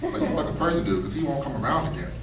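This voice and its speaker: A man's voice: fairly high pitch, lively intonation, racing. A man doing a stand-up set in a comedy club, telling stories in a laid-back, conversational way with slangy asides. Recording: echoey club from a distance, noisy room. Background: audience laughter.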